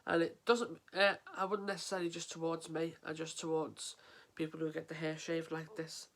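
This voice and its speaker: An English man talks to camera in a casual vlog about mental health, sniffly and congested from a head cold. He's earnest but halting, with many fillers and restarts, and his slightly high, bright voice has vocal fry and little pitch movement.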